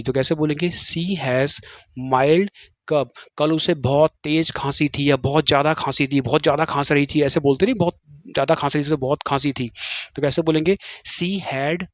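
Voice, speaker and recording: Male teacher, somewhat high-pitched, runs a lesson by drilling and repeating terms, dry close sound. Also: no echo. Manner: quizzing, repeats each term with "what will you say?"; slow and careful on example sentences. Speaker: English teacher. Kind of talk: classroom-style grammar lesson.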